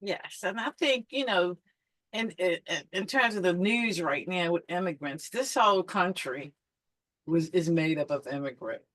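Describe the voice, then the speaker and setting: A woman's voice: lowish voice, measured pace, a bit bright, dry recording. A woman hosting an interview show, introducing her guest with upbeat enthusiasm and asking questions. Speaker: podcast host.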